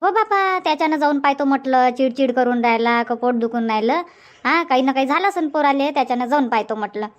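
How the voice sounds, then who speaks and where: For a cartoon comedy dub, a woman plays a nosy village auntie and grandmother who is folksy, inquisitive and reassuring. Her high-pitched, natural voice moves quickly and carries a Varhadi Marathi accent from Vidarbha, sounding nosy and concerned.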